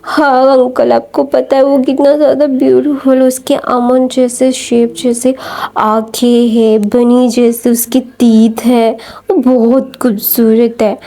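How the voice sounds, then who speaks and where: A man's voice: very high-pitched, little pitch movement, takes it slowly, mellow, exaggerated voice. A woman voicing a lovestruck, childish young man who talks in a pleading way while telling a story. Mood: pleading, dreamy. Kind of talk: storytelling, quoting a character.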